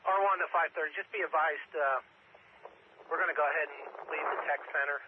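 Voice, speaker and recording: A man's voice: fairly high pitch, brisk. A man, an emergency responder talking over a walkie-talkie in clipped radio codes. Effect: heard over a walkie-talkie radio. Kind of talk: terse radio dispatch traffic. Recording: tinny two-way radio with faint static.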